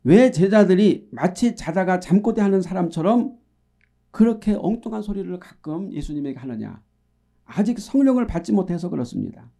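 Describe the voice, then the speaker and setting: 밝고 약간 높은 목소리로 설교하는 남자 목사. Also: male voice, sits high, animated, moderate pace, gravelly. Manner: earnest preaching, swings between emphatic calls and quiet asides. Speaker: pastor. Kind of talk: sermon.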